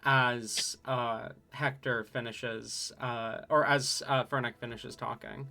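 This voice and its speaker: A man running a tabletop game as game master, narrating casually and haltingly. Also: medium pitch, flat delivery, vocal fry, pushed and bright.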